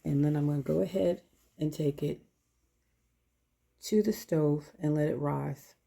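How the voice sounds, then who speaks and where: Gravelly, mellow-voiced woman baking at home. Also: sits low, unhurried. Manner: chatty, talks to viewers while cooking, hums while tasting; talks with mouth full at times. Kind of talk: casual chat while baking. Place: home kitchen.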